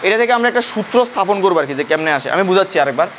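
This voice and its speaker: High-voiced man tutoring in class. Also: lively intonation, rapid-fire, noisy background. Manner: questioning students, repeating points. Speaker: physics tutor. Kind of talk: classroom lecture.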